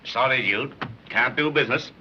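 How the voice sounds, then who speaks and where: An actor playing a sarcastic police commissioner with a dry, mocking way of talking. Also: male voice, mid-range voice, normal speed, sharp tone. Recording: dull old 1930s film soundtrack, faint hiss.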